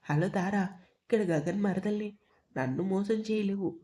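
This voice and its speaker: This is a caring, slightly bossy young man from a spoken love story, read by a woman. He coaxes and teases rather than shouts. The voice stays mellow and unforced. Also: medium pitch, normal speed, close to an everyday voice. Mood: teasing. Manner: coaxing, teasing, gently commanding.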